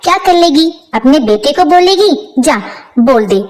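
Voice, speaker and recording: A woman's voice: sits high, expressive, a little slow, a little mellow. A woman doing an insolent young witch-wife. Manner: mocking, insolent, defiant. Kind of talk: storybook character voice.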